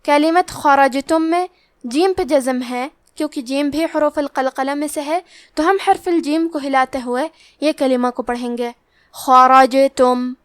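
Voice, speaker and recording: A woman's voice: sits high, darkish tone, no echo, studio quality. A woman teacher explaining Quran recitation rules word by word, in a methodical and patient way. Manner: methodical, patient step-by-step instruction.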